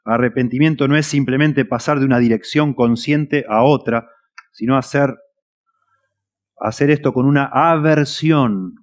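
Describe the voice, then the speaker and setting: A man with a Rioplatense Spanish accent preaching a sermon as a pastor, earnest and at times emphatic. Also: mid-range voice. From Argentina. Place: church.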